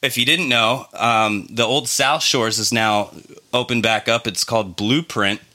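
A man's voice: mid-range voice, fairly even intonation, a little slow, pushed and bright. A man co-hosting a casual podcast, telling stories in a laid-back way with lots of fillers and restarts. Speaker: podcast co-host. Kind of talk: casual chat.

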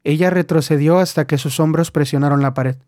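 A man narrating a short story as an audiobook, in a steady, measured delivery. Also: a little high, no echo, studio quality. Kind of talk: scripted narration.

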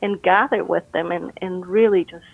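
In a casual call interview on a tinny phone line, a Costa Rican brain health expert gives upbeat, encouraging advice and laughs easily. Her voice is lowish, gravelly and husky, steady in tone at a moderate pace, with no room sound.

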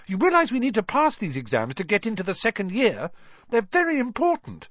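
Guy putting on a bossy schoolgirl, high and snappy, dull dry sound. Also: huge pitch swings, fairly bright tone, dry recording, exaggerated voice. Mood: exasperated. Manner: snappish, fussy, rapid. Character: bossy, anxious studious schoolgirl.

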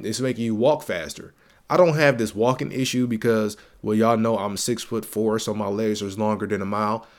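This podcast host is a young man running a laid-back solo gaming show, his mid-range voice a little congested and stuffy. He leans on slang and hype-man energy, saying things twice to drive them home.

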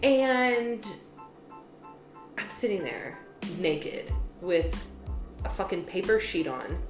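A young woman co-hosting a podcast, telling a story in a casual, profane, animated way, laughing often. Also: mid-range voice, slow pace, echoey room, over music. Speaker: podcast co-host. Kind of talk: casual chat.

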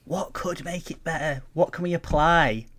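A man's voice: on the high side, normal speed, a bit bright. A man chatting casually as a podcast co-host, rambling and laughing often. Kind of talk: casual chat.

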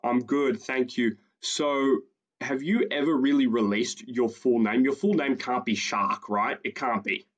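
A man hosting a combat sports podcast, asking questions in a slow, measured way. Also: medium pitch, breathy edge, lo-fi sound. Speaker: podcast host. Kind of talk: casual interview.

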